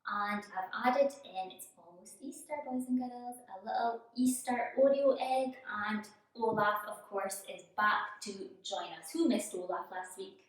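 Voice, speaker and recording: A woman's voice: a little high, a little slow, hardly any pauses. A woman presenting a children's show, talking to young viewers in an encouraging way with lots of questions. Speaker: children's church show host. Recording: very echoey room, distant microphone.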